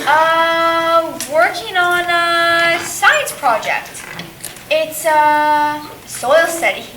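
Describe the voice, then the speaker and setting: Slow-talking high sneaky schoolgirl, fibbing her way out, echoey room. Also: sharp tone, a little hiss or hum, exaggerated voice. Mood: evasive. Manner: drawling, evasive and fibbing.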